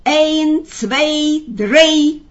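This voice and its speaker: A woman voicing a mocking male jester with a loud, bleating goat-like tenor, showy and taunting in a storybook reading. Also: a little high, expressive, unhurried, muffled recording. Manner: taunting, showman-like.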